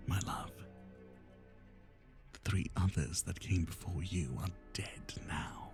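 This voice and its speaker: In a heavily acted roleplay ASMR monologue, a man plays an obsessive, lovesick kidnapper, tender yet threatening. His deep, slightly mellow voice is breathy, often sinking into whispers, with theatrical, lingering emphasis.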